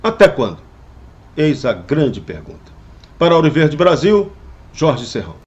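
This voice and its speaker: Man, fairly high voice, indignant political commentary, rhetorical questions, muffled lo-fi sound. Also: very animated, measured pace, very noisy. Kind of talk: scripted opinion commentary.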